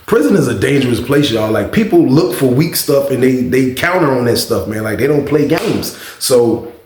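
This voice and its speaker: A man spinning a long, rambling story for his viewers, filling his sentences with little checks on whether they follow. His voice sits at an ordinary pitch. The room adds a noticeable echo. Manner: rambling, frequent filler phrases. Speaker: vlogger. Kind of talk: casual storytelling.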